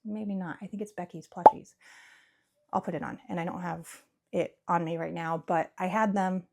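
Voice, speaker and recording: A woman's voice: lowish voice, fairly even intonation, normal speed, vocal fry, dark tone. A young woman chatting casually about her crochet projects, rambling and giggly, often correcting herself. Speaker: crochet vlogger and small business owner. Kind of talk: casual chat.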